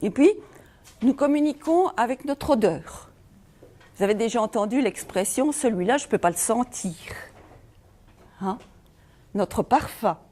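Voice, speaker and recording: A middle-aged Belgian woman with a Belgian French accent gives a conference talk on feng shui, posing rhetorical questions to the audience. Her voice is a little high, warm and expressive, and she speaks at a measured pace with frequent pauses.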